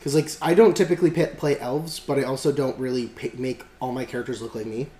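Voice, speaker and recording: A fast-talking man with a medium-pitched, dark voice keeps his intonation fairly even. He hosts a podcast and rambles casually about a tabletop game, restarting often and using many fillers. There's echo and faint noise.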